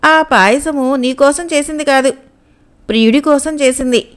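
A woman voicing a young, sharp-tongued sea maiden in a storybook reading, speaking calmly as she tells plain truths. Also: high-pitched, normal speed, close to an everyday voice. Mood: knowing, scornful.

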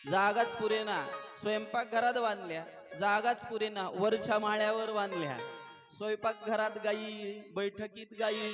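A high-pitched man with a Marathi accent tells a devotional story as a sermon. He acts out each character's lines with lively changes in his voice. Instrumental music plays clearly under his speech. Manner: animated storyteller acting out dialogue, asks the audience questions. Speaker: kirtan preacher. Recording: live with accompanying instrumental music.

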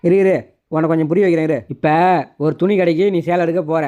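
A man's voice: fairly high pitch, little pitch movement, fast, dark tone, muffled recording. A man playing the husband in comic skits, dry and grumbling. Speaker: comedy sketch performer.

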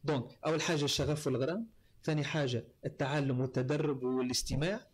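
This guest is a voice-over artist with a Tunisian accent, chatting casually in an interview and explaining his work point by point amid many fillers. His voice is mid-range and steady, fast, with a breathy edge.

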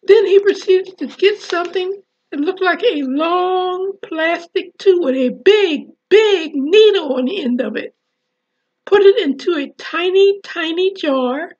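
A woman author reading her childhood story, then giving a presentation in a slow, deliberate way, spelling words out. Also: extremely high pitch, darkish tone. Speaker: author and speaker. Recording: dull lo-fi recording.

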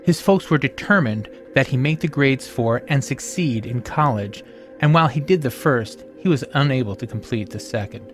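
A man hosting a podcast, reading scripted documentary narration in a measured, solemn way with emphatic rises. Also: mid-range voice, animated, soft background music.

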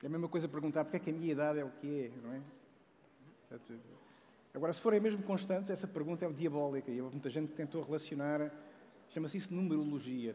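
A man in his forties with a European Portuguese accent, giving a casual public science talk on a large auditorium stage through a headset mic, full of restarts and tag questions. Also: on the high side. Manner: animated, many restarts and "não é?" tags, joking asides. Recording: long hall reverb.

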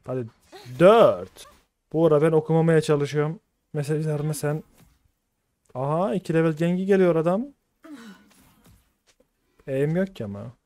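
In this live gaming commentary, a man reads out his teammates' chat messages, swearing and ranting in frustration. He has a mellow voice that sits a little high.

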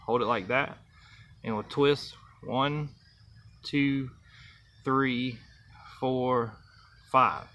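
Bright-voiced young man teaching. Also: medium pitch, drawn-out words, pauses often. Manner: easygoing, counts out steps aloud. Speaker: fishing channel host. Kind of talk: casual how-to demonstration. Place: outdoors by trees and a truck. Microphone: camera close up, held near face.

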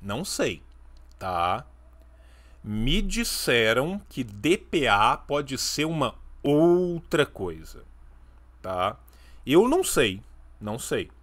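A man's voice: medium pitch, sing-song, takes it slowly, pauses often, fairly bright tone. A man in his thirties with a Brazilian accent, hosting a casual live reaction stream with emphatic, ironic asides.

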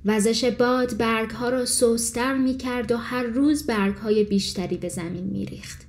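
Woman, audiobook narrator, calm measured fairy-tale reading, higher voice.

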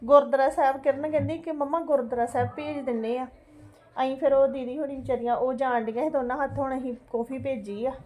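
A woman's voice: high-pitched, fairly even intonation, fast talker, a little mellow. A middle-aged woman with a Punjabi accent, chatting casually as a home vlogger in a fretful, exclamatory way, repeating herself and checking for agreement. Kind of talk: casual chatty storytelling to viewers.

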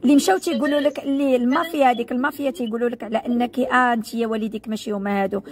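A woman's voice: fairly high pitch, fairly even intonation, racing. A Moroccan woman talking insistently and consolingly with crowd noise behind her.

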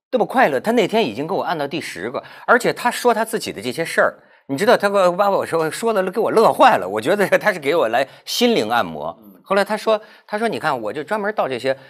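A man in his fifties hosting a roundtable talk show, telling an anecdote in a casual, animated way and acting out the people he quotes. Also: fairly high pitch. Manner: animated storyteller, acts out quoted speech, frequent word repeats.

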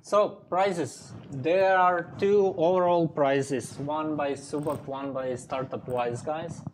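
A middle-aged man hosts from a studio desk, speaking very slowly with frequent fillers. His pitch sits mid-range, with a faint hiss underneath. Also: fairly even intonation. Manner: slow, halting with fillers. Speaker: hackathon co-host. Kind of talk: livestream announcements.

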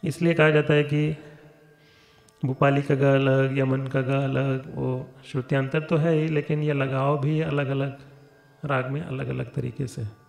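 Male vocal teacher, gravelly and mellow, alternating fast talk with slow sung phrases; echoey room, faint music. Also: medium pitch, level tone. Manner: explains quickly, then sings notes slowly and expressively. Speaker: Indian classical vocal teacher. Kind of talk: singing lesson, spoken explanation with sung sargam.

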